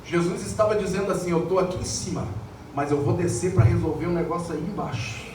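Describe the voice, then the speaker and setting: A Brazilian man preaching an evangelical sermon, building to shouted, sung climaxes. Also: high voice, fairly quick, far from the mic, background noise. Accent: Brazilian Portuguese. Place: church. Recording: echoey church hall heard from afar, music behind.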